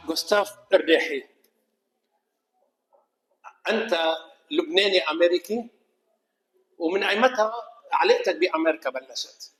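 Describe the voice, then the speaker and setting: Host: man, Lebanese accent, somewhat high voice, measured solemn pace, echoey studio with faint music. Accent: Lebanese Arabic. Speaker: podcast host. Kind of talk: scripted intro and interview questions. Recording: roomy studio echo.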